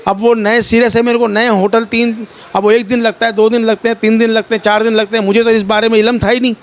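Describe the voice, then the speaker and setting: A man from Pakistan telling his ordeal to a reporter, distressed and pleading, often repeating himself. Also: sits high. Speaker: complainant telling his story. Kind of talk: personal account to a reporter.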